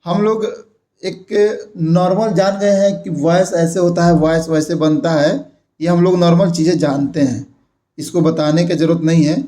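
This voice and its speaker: A man's voice: fairly high pitch, steady tone, moderate pace, warm tone. A young man explaining a grammar lesson, repeating points and checking in with his viewers. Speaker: grammar teacher.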